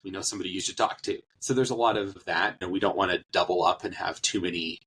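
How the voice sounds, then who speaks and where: A man answering interview questions about his charity's work, relaxed, with many fillers and restarts. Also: deep voice, fast, slight background noise, rough recording.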